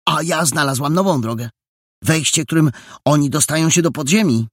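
A man voicing an excitable, bossy young girl detective in a storybook, with emphatic, impatient delivery. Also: fairly high pitch, moderate pace, dry recording, studio quality, voice pushed up, natural voice. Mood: excited, bossy. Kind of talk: audiobook character voice.

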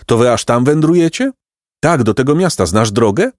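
A man's voice: mid-range voice, sing-song, moderate pace, a little mellow, no room sound, pitched above the performer's own voice, natural voice. Two curious young wanderers, read by a man in close to his own voice, asking one plain question after another. The voice rises and falls a great deal, and the recording is dry and close, without any room sound.

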